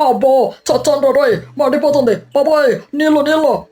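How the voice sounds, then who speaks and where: A woman's voice: mid-range voice, fairly quick, faint music behind, lightly acted. A woman voicing a miserly, boastful husband who grumbles and schemes. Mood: pained. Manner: grumbling, then yelling. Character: miserly middle-aged husband, greedy and boastful.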